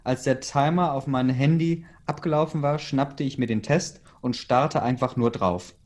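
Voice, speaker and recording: A man reading a fan story aloud in a casual, even way, including the readers' comments. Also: medium pitch, moderate pace.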